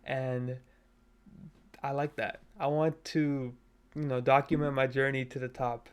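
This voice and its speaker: Flat and measured, this man's smooth, medium-pitched voice belongs to a vlogger in his twenties from Nepal. He's in his bedroom at his parents' house, recording a self-improvement vlog on a cheap USB desk mic. His manner is earnest and casual, self-motivational, with loose use of fillers.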